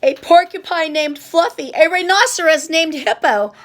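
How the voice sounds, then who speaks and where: A woman's voice: sits high, animated, moderate pace, pitched above the performer's own voice. A woman voicing a small, shy, polite male porcupine in a storybook read-aloud. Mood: polite, amazed. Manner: soft, polite, gently puzzled.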